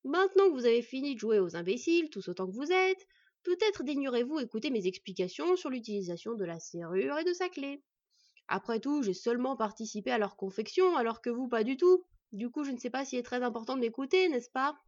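A gruff, sarcastic male dwarf smith lectures in a raised, husky voice, as a woman reader puts him on. He sounds a touch high for a dwarf, and the audiobook recording is dull and dry. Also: big pitch swings, a little fast, no echo. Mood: mocking. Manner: mocking, lecturing in a loud raised voice. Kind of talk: audiobook character voice.

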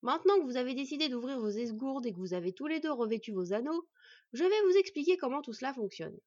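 A woman voicing a sardonic male dwarf smith in an audiobook, loud and lecturing, with a husky edge. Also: high voice, very animated, fast talker, no room sound, lo-fi sound. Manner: mocking, lecturing in a loud raised voice. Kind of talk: audiobook character voice.

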